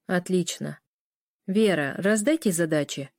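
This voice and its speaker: A woman's voice: fairly low pitch, a little mellow, no echo, clean studio sound. A woman doing a blunt, tired male lecturer. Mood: brisk. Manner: brisk, blunt.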